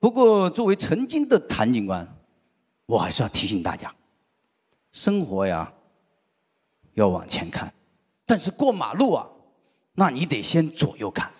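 Laughter from the audience fills a large indoor studio where a middle-aged stand-up comedian, holding a handheld mic, tells lively stories peppered with long "啊" ("ah") fillers. He speaks with a Sichuan accent in a medium-pitched, slightly rough voice.

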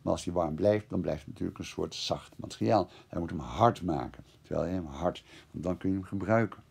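A male teacher talks through a translation one word at a time and reasons aloud as he goes. His voice sits very low and has a gravelly, creaky edge. Beneath it runs a husky grain. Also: brisk, darkish tone. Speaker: classics teacher. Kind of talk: screencast lesson translating Greek verse.

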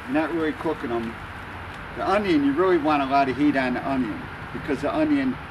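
A man explaining each step as he cooks on an outdoor grill, in a relaxed, casual way. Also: mid-range voice, brisk. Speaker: home cook. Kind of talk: casual cooking demonstration. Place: outdoor grill in a city at dusk. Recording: outdoor street noise.

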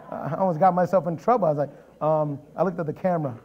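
A man preaching a sermon in a church, with animated storytelling and emphatic repetition. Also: on the high side, moderate pace, muffled recording, a faint crowd, slight background noise. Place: church sanctuary.

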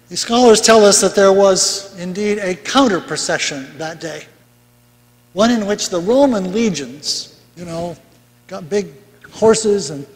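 An older man preaching a sermon from a pulpit in a large church, in a conversational way with asides and rising emphasis. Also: high-pitched. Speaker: pastor. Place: large bright church sanctuary. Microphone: pulpit mic from far camera. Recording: long church reverb.

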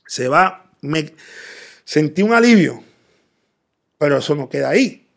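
Gravelly man, earnest storyteller. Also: on the high side, animated, measured pace. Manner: earnest storytelling, quoting himself in dialogue. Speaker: interview guest. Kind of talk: personal testimony in interview.

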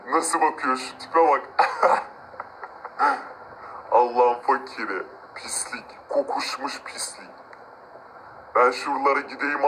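A man's voice: mid-range voice, pushed and bright, a little hiss or hum, poor audio. A man voicing an arrogant, cruel rich man who gloats, mocks and threatens villagers in a game-video drama. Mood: mocking. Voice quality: gloating, mocking laughs. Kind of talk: amateur game role-play narration.

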